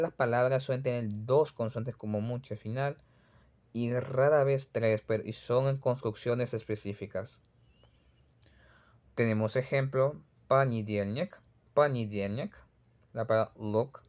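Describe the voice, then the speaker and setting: A man with a Caribbean Spanish accent teaches pronunciation at an unhurried, deliberate pace. His voice sits at an ordinary middle pitch, and he repeats each example word patiently as he demonstrates it. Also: steady tone, a little mellow. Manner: repeats sample words slowly, patient and demonstrative. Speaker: Russian language teacher. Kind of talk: pronunciation lesson.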